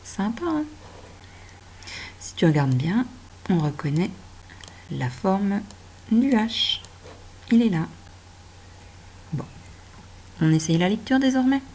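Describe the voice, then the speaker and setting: Slow gentle woman teaching children. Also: mid-range voice, sing-song, a little hiss or hum. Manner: slow, gentle, addresses the child directly, stretches words out. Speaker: primary school teacher. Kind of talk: reading and handwriting lesson for children.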